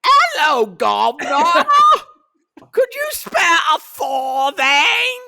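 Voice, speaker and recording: A man putting on a hammy Cockney street beggar voice, loud and drawn out. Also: very high voice, huge pitch swings, very slow, gravelly, pitched above the performer's own voice, full character voice.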